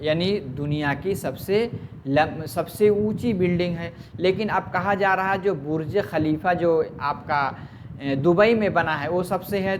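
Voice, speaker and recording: Indian male teacher, slow deliberate lecture delivery, slightly high voice, faint hiss behind. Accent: Urdu-speaking Indian. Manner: drawls English quotes, asks and answers his own questions. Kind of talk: recorded classroom lesson.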